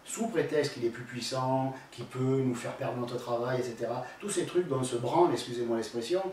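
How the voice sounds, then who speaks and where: A man's voice: mid-range voice, moderate pace, darkish tone. Man, blunt colloquial advice, crude slang and fillers, far from the mic, strong room echo, faint noise. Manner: addresses the questioner directly by name. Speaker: spiritual teacher answering a viewer's question. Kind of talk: spontaneous spoken advice.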